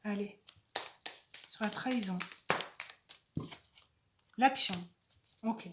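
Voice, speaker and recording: A woman reads oracle cards aloud in a soft, casual voice and stops for chatty asides to her viewers. She speaks slowly and without hurry. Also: medium pitch, background noise. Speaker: oracle card reader. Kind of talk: casual oracle card reading.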